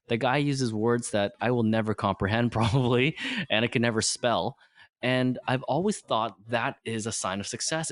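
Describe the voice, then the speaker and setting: Here a man in his forties, a native Vietnamese speaker, is a podcast guest in a motivational interview, explaining ideas earnestly in simple phrases and often tagging on "right?" His voice is lowish and a bit bright, with no room sound.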